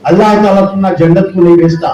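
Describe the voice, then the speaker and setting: A man with a high, mellow voice addresses parents and students. He pleads earnestly and repeats his points to press them home. His words ring out in an echoing hall. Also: steady tone, fast, lo-fi sound. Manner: earnest, exhorting, repetitive pleading. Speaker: school society speaker at prize distribution. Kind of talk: public speech to parents and students. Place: school function hall.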